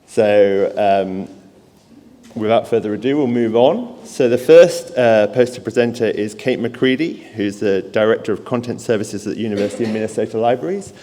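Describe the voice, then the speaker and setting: A man's voice: lowish voice, moderate pace, warm tone. A man chairing a conference session, introducing speakers in a wry, loose way with many fillers. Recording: reverberant hall with faint noise.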